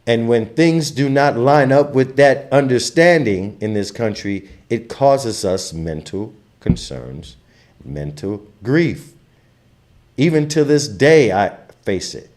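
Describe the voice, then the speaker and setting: Guy ranting on his channel, emphatic, gets louder when fired up, mid pitch. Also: animated, takes it slowly. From Trinidad and Tobago. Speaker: channel host. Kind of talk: opinionated commentary monologue.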